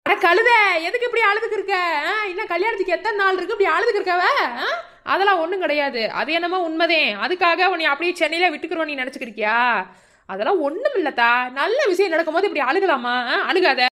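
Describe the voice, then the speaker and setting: A woman voicing a brisk, teasing older woman of the family with a Madurai Tamil accent in a cartoon. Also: very high voice, fairly bright tone. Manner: brisk scolding banter. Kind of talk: cartoon voice acting.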